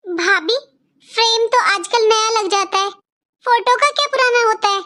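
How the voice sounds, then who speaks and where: An outspoken young sister from a family cartoon, as a woman voices her, with a very high, sharp delivery. She is indignant and says exactly what she thinks. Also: normal speed, soft background music. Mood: chatty. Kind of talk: cartoon voice acting.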